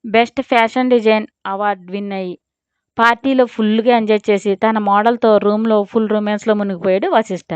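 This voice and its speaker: A woman's voice: mid-range voice, fairly even intonation, brisk, clean tone, dry recording, muffled recording. A woman narrating a scripted audio story and voicing all the characters herself.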